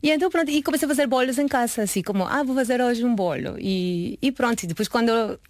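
A pastry chef from Mexico, in her late thirties and a first-language Spanish speaker, is the guest in an interview, casually recounting her own story. She talks fast in a fairly high voice on a dry recording, chatty and informal, acting out the dialogue she reports.

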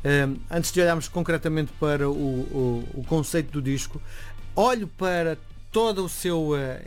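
Over soft music, a man with a fairly high pitch and moderate pace hosts a radio interview, digging in with probing questions in a conversational manner. He also reads the weather, and his accent is European Portuguese.

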